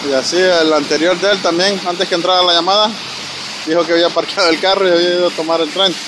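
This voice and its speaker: This chatty vlogger talks fast in a high-pitched voice with fairly even intonation, addressing his viewers directly and repeating "¿verdad?" often. He films himself walking on a snowy city street with a handheld phone, and street noise and passing traffic can be heard.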